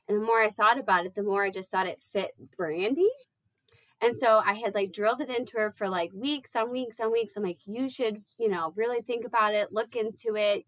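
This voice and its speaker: A woman's voice: mid-range voice, a bit bright, no room sound, rough recording. Chatty young woman, dry close sound. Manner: chatty, many fillers and restarts. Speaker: podcast guest. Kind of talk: casual chat.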